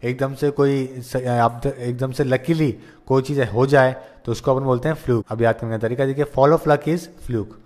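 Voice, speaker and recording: A man with an Indian English accent, teaching exam-prep vocabulary, explaining in Hindi and reading English definitions slowly. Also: medium pitch, fairly even intonation, a little mellow.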